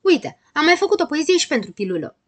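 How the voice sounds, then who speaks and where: A woman voicing a boastful, clueless little boy who writes silly poems, cheeky and excited in tone. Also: dry recording. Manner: cheeky, high and excited, raising the pitch.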